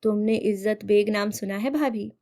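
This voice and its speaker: A witty young sister-in-law, voiced by a woman narrator. She teases and banters in a lively, cheeky way, at a mid pitch. It suits a read-aloud story. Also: moderate pace, natural voice. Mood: playful. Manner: playful, teasing banter.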